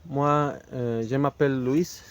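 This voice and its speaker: A man with a Mexican Spanish accent, a native Spanish speaker, talks slowly and unscripted to camera in French. His voice sits at an ordinary middle pitch, and he halts again and again to find his words, restarting half-built phrases. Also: fairly even intonation, clean tone. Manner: halting, searching for French words with many restarts. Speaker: video host presenting a book. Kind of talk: unscripted casual talk to camera.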